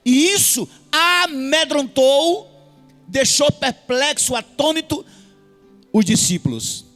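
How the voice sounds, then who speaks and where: Slowly but forcefully, a man with a very high-pitched, bright voice and lively intonation preaches in church with a Brazilian Portuguese accent. His sermon is impassioned and sing-song, full of hallelujahs, over faint background music.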